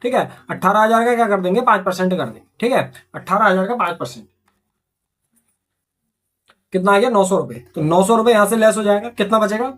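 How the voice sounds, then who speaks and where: Brisk and high-pitched, with a slightly bright tone, a man teaches accountancy by going through journal entries in steps. He asks his own questions, answers them, repeats things, and leans heavily on "theek hai."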